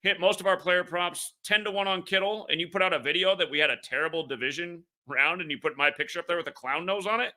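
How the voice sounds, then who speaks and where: A man with a bright, tense, slightly high voice holds forth on his own show. He rants in an aggrieved, repetitive way, swears often and keeps stammering over the same words. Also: fast talker, hardly any pauses. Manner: repetitive, aggrieved ranting with frequent profanity. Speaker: online sports betting show host. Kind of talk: casual livestream monologue.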